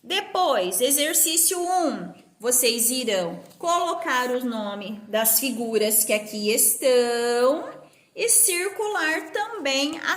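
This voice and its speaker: Bright high teacher. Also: female voice. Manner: clear explaining, stresses syllables aloud. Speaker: schoolteacher. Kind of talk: remote class lesson. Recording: echoey room.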